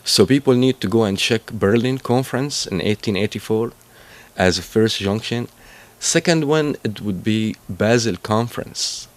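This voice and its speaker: A man, a guest in an interview, explaining at length in halting speech with frequent restarts. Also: fairly low pitch. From Palestine and Syria.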